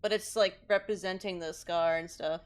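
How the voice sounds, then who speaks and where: A woman giving casual gaming commentary as a streamer, telling things in an animated way. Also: lowish voice, normal speed. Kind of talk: casual chat and commentary over gameplay. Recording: clear background noise.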